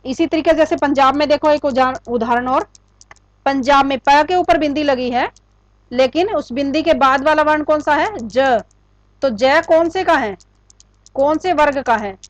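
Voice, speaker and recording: High-voiced woman teaching grammar. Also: moderate pace, dry recording, poor audio. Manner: explains patiently, asks questions then answers them. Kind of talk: classroom-style grammar lesson.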